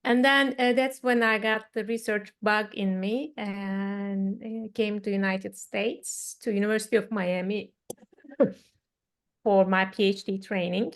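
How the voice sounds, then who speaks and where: Woman, fifties, slow and measured, thoughtful, uh fillers. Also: medium pitch, fairly even intonation. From Turkey. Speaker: panelist. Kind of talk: panel discussion.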